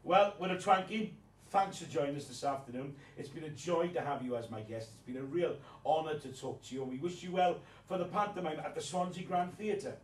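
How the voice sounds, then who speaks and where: Male presenter for a mock-formal interview, smooth flattering patter, heard at some distance in a reverberant space. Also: on the high side, a little fast, few pauses.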